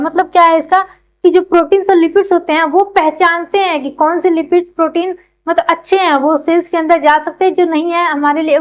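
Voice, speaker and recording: Very high-voiced woman teaching biology. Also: poor audio. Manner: keeps asking and answering her own questions; explains with everyday comparisons. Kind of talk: explanatory classroom lecture.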